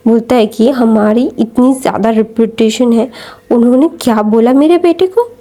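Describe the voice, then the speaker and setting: A woman's voice: a little high, moderate pace, dark tone. Rambling woman retelling a story. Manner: rambling, many fillers and restarts.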